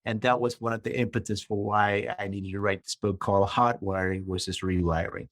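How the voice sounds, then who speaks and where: A man's voice: lowish voice, steady tone, a little fast, dry recording. A middle-aged man from Malaysia, a guest author and coach explaining his ideas in a podcast interview in a structured way, often checking in with "right?".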